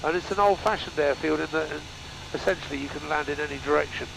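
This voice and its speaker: Gravelly male flying instructor in noisy cockpit. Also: fairly high pitch, fast. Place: small microlight aircraft cockpit in flight. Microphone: headset. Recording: noisy cockpit intercom with engine drone. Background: aircraft engine drone.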